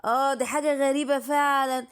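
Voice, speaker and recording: A woman's voice: sits high, steady tone, brisk, close to an everyday voice. A woman with an Egyptian accent voicing a kind, helpful young boy lion cub in a children's bedtime cartoon, talking earnestly and politely. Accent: Egyptian Arabic.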